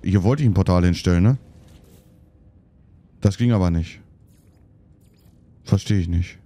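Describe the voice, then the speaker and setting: A man's voice: on the low side, dark tone. Chatty man muttering over a game. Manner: chatty, mutters to himself, easily annoyed. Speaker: let's play host. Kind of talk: casual gameplay commentary.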